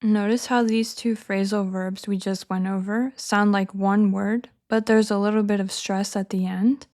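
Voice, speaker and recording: A woman walks learners through an English lesson in a clear, measured voice. Her scripted delivery stays steady and encouraging, and her pitch sits in an ordinary middle range. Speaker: English teacher.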